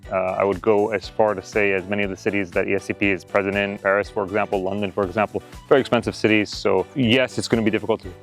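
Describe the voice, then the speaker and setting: Young male student interviewee, quick and low, thoughtful tone, music bed. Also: level tone, vocal fry. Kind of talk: interview answers. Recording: soft music underneath.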